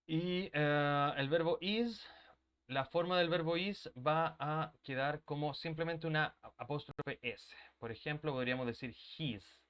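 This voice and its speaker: A man's voice: a little high, measured pace, fairly bright tone, clean tone. A man teaching an online English grammar class, explaining step by step and checking in often with his students, sometimes drifting away from the mic as he moves to the board.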